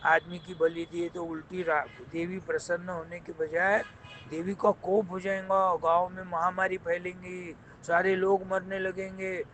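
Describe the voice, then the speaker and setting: A man's voice: high voice, little pitch movement, a little slow, a bit bright, a little hiss or hum, rough recording. A man voicing an anxious soldier in a told folk tale, pleading urgently and repeating himself.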